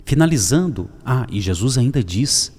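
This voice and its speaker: Lively, emphatic male preacher. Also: medium pitch, normal speed, husky. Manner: emphatic, swinging from loud calls to soft whispers. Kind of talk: daily devotional sermon.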